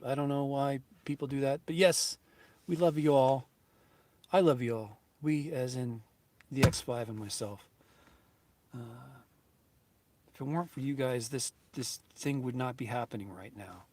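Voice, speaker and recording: A mid-pitched man in his fifties hosts his own vlog. He speaks earnestly and gratefully, rambling through his thoughts with plenty of fillers and restarts. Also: measured pace, long pauses, a little mellow. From United States. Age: 50s. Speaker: YouTube channel host. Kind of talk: casual vlog talk to viewers.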